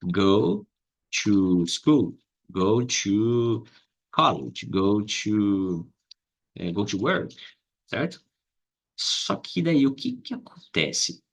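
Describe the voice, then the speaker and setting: A man teaching English with a Brazilian Portuguese accent, explaining slowly and repeating example phrases to his students. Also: on the low side, big pitch swings. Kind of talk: casual lesson to camera.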